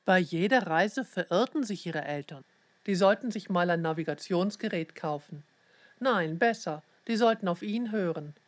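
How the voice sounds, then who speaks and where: A woman narrating a children's story in a clear, even storytelling manner. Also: on the low side, moderate pace.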